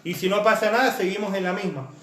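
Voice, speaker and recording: A man preaching, his voice pitched high for a man and ringing with reverb in a church room. He talks earnestly, stacking repeated phrases and lists as he weaves personal testimony into the sermon. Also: fairly even intonation, fast talker, bright, forceful tone.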